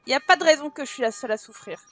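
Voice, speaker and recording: A high-pitched woman commenting on a life-sim game as she plays, chatty and expressive. She talks to the viewers in a casual, lively way. Faint game music sits underneath her voice. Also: rapid-fire. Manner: chatty and expressive, full of exclamations and fillers. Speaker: gaming channel host. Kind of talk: casual let's-play commentary.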